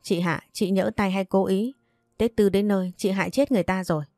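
A woman narrator doing a fussy older woman who talks fast and scolds easily. Her tone is warm and mellow, recorded close and dry. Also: medium pitch, steady tone, dry recording, soft background music, lightly acted. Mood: alarmed. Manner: rapid, accusing.

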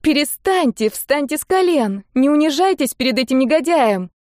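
A woman voicing a brave little girl who cries out in a high, shrill voice. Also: animated, moderate pace, darkish tone, no echo, clean studio sound. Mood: defiant. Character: brave, defiant little girl with fire magic.

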